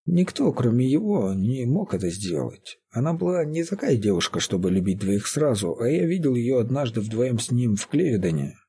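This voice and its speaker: A man voicing an earnest, steady estate steward who pleads in a raised voice. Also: medium pitch, normal speed, hardly any pauses, slightly rough, heavily acted. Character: steady middle-aged male estate steward, shocked and earnest.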